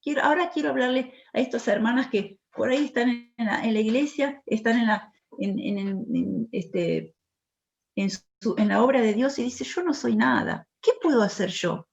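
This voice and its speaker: A woman's voice: a little high, normal speed, gravelly, a little mellow, dull audio. A woman preacher giving an impassioned sermon in church. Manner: impassioned, rising to emphatic exhortation.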